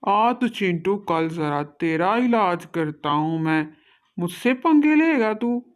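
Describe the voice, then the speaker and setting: A woman's voice: on the low side, lively intonation, slow pace. A woman voicing a vengeful snake in a cartoon, who makes taunting threats. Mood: menacing. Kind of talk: cartoon voice acting. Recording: slightly dull, lo-fi recording.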